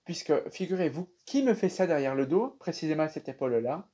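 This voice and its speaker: A man's voice: on the high side, brisk, breathy edge. Chatty young Frenchman telling a dream. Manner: animated, chatty, many fillers. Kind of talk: casual storytelling to camera.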